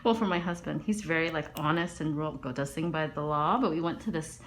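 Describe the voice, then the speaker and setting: A middle-aged woman dermatologist with a low-pitched, brisk voice chats and tells stories while performing a procedure on a patient in a medical office. She often drops to a murmur, and there's a little hiss or hum in the audio.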